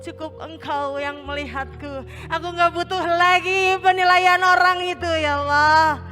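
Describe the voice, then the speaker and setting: High bright-voiced woman leading tearful prayer. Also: steady tone, soft background music. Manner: tearful pleading, swelling loud then hushed, slow and drawn out. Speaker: religious teacher leading guided prayer. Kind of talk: emotional guided prayer with music.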